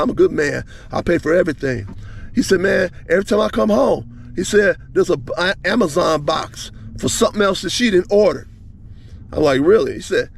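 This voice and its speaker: A man giving relationship advice, telling a friend's story in a casual, animated way with many restarts. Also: a little high, gravelly. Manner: animated retelling, many restarts, speeds up and slows down.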